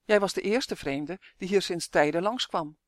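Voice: mid-range voice, moderate pace, no echo, clean studio sound, lightly acted. A storybook narrator voicing a small, bossy, chatty dwarf girl who talks eagerly and insistently.

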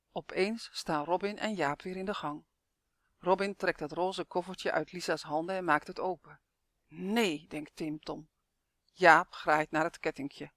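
Expressive storybook narrator, dry sound. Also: medium pitch, dry recording. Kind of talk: reading a children's story aloud.

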